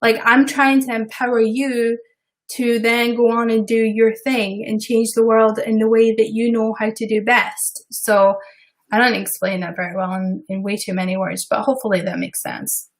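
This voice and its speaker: A woman's voice: a little high, level tone, moderate pace. A Scottish woman who designs websites, talking casually and rambling through a live work session with many asides. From Scotland. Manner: chatty and rambling, with frequent fillers and asides. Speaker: web designer hosting a live stream.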